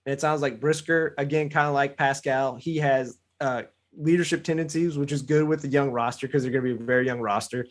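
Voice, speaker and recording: A man's voice: medium pitch, fairly even intonation, brisk. A man co-hosting a casual sports podcast, breaking down a football draft and weighing both sides. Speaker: podcast co-host.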